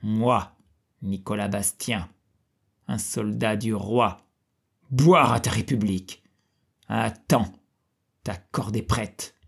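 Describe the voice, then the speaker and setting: A man doing a sneering gravelly bandit. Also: fairly low pitch, slow pace, long pauses, heavily acted. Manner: sneering, threatening. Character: brutish male royalist bandit, menacing, contemptuous.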